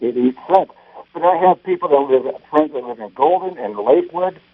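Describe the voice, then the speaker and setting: A man phones in over a narrow, tinny line, and the muffled, boxed-in sound makes him seem to be talking from inside a tin can. His voice is slightly husky and sits a bit high for a man. He speaks in halting, stop-start bursts with lively swings in pitch. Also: no room sound. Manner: halting, restarts his sentences. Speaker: radio call-in caller. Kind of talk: casual call-in chat.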